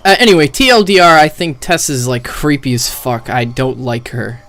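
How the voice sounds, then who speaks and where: Rambling through casual game commentary, this streamer talks bluntly and profanely with constant use of "like," in a mid-range, fairly bright voice at normal speed. The sound is close and dry, with the streaming mic's gain turned up hot.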